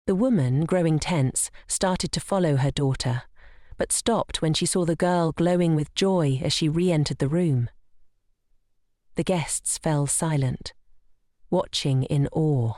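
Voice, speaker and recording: Mellow woman narrating a comic recap. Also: sits low, slow pace, no echo, clean studio sound. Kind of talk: scripted story narration.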